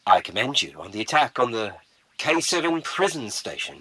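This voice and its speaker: An actor playing a ruthless, arrogant starship captain in an audio drama, commanding and smug in a clipped delivery. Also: male voice, medium pitch, big pitch swings, moderate pace, sharp tone, slightly rough, heavily acted. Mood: smug, menacing. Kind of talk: dramatic audio comic acting.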